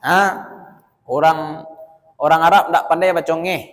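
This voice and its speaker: A man from West Sumatra with a Minangkabau accent gives a lively religious lecture to a live audience. He quizzes the listeners and slips into his local dialect for jokes. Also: on the high side, a little slow. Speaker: religious teacher. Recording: long reverb of a large hall.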